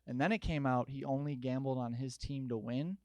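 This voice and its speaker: A young man doing a stand-up comedy set, telling stories in an animated way and jumping up into loud shouted bits. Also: mid-range voice, a little fast, dry recording. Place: comedy stage with audience.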